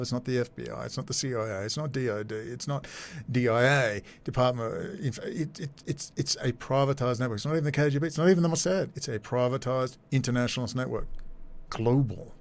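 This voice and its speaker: A man giving animated, sarcastic commentary as a host, repeating his phrases. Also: mid-range voice. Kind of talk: ranting commentary over clips.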